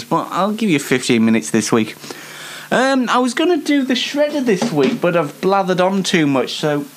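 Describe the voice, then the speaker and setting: Hosting a comedy web show, a young man from Yorkshire talks to viewers in a rambling, unsure way, mocking himself and feigning dry indignation. His voice sits fairly high.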